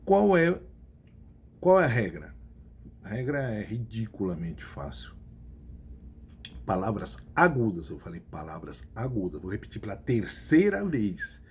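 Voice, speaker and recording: A man's voice: lowish voice, very animated, a little slow, long pauses, slight background noise. A man with a Brazilian Portuguese accent, teaching a recorded lesson to his class. He repeats key points and stops to check that students follow. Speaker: Spanish teacher.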